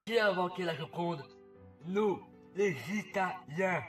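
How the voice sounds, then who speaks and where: A teenage boy talks eagerly to his viewers in an old YouTube video. His voice is fairly high and sounds set back from the mic, with music playing behind him. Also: measured pace, far from the mic. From Belgium. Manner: eager, chatty, addressing viewers.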